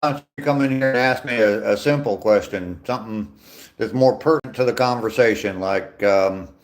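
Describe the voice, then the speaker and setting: On an outdoor walk, a man in his sixties with a voice on the low side speaks at a moderate pace into his phone. Live-streaming, he reads out comments from viewers and responds in an easygoing, conversational way with a touch of dry humor.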